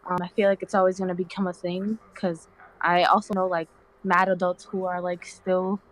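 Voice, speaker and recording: As a guest on a live stream, a 19-year-old Dominican woman talks casually and ramblingly, using slang and saying "like" constantly. Her pitch is fairly low with little movement, her pace moderate, and the audio is poor.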